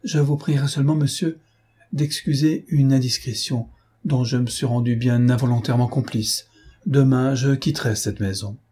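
Onésime, a man reading as a timid gentle young man. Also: medium pitch, unhurried, breathy edge. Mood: gentle, hesitant. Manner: soft, hesitant and trembling, yet dignified.

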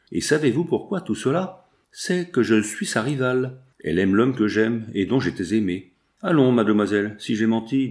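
A man's voice: medium pitch, a little mellow, natural voice. A man voicing a proud, defiant young woman seamstress, pleading with passion as he reads a novel aloud. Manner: impassioned, indignant pleading.

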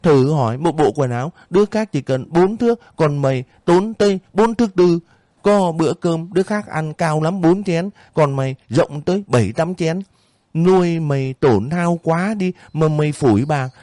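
A man's voice: on the high side, expressive, normal speed, few pauses, dark tone, no room sound, studio quality, pitched above the performer's own voice, natural voice. A man voicing a stingy, cruel and cowardly older woman landowner in an audiobook reading, scolding shrilly and pleading in a panic.

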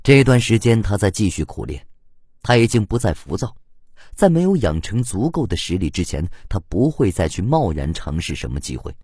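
A man narrating an audiobook in an expressive storytelling manner on a close mic. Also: on the low side, moderate pace, husky, no echo. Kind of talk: scripted narration.

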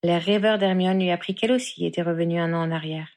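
A woman's voice: on the low side, steady tone, fast talker, a little mellow. A woman narrating a fan-fiction novel as an audiobook, lightly voicing the characters' quoted lines.

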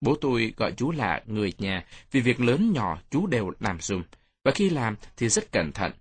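A man narrating a storybook in a warm, reminiscent storytelling manner. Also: medium pitch, very animated, moderate pace, husky, no echo.

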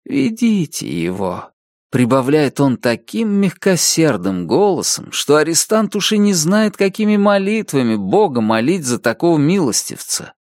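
Brief: male audiobook narrator, rather high voice, lively expressive delivery, dry close sound. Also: dry recording. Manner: expressive storytelling. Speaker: audiobook reader.

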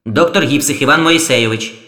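A man's voice: medium pitch, fairly quick, sharp tone, reverberant, pitched above the performer's own voice, natural voice. A man voicing a nervous, obedient male doctor who answers eagerly. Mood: dutiful. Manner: dutiful, eager to please.

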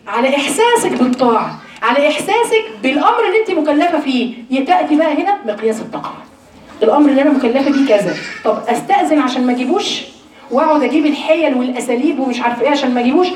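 Fast-talking Egyptian woman teaching Quran. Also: high-pitched. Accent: Egyptian Arabic. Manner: rapid, emphatic, rhetorical questions. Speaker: religious teacher. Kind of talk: Quran study lesson. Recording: echoey room, distant mic.

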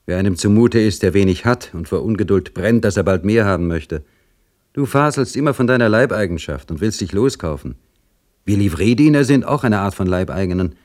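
A man reading a story, voicing a bitter, sly male livery servant who grumbles loudly and mocks. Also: fairly low pitch, expressive, a little fast, natural voice. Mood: mocking. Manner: loud, complaining and mocking.

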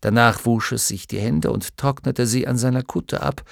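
A man narrating an audiobook in a measured storytelling manner, recorded on a studio microphone. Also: mid-range voice, vocal fry, dry recording. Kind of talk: scripted narration.

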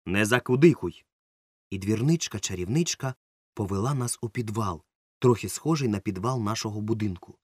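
A man reading a children's story aloud, narrating in an expressive storytelling manner. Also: lowish voice, fairly quick, slightly rough, dry recording, clean studio sound. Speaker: audiobook reader. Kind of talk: scripted narration.

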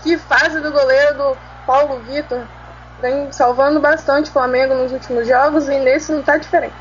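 A woman's voice: high-pitched, steady tone, moderate pace. A woman with a Brazilian accent giving live radio analysis of a football match. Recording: dull lo-fi feed, faint noise.

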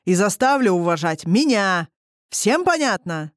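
A reader voicing a drunken, boastful male demon lord who talks slowly and bossily. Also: mid-range voice, big pitch swings, no echo, studio quality. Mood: bellowing. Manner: commanding, slurred and slow. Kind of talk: audiobook character reading.

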